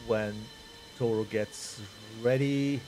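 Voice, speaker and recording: A man's voice: medium pitch, fairly even intonation, slow, mellow, a little hiss or hum. A middle-aged man from Iran, unhurriedly thinking aloud as he commentates a live flight-sim tournament from home. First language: Persian. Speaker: stream commentator.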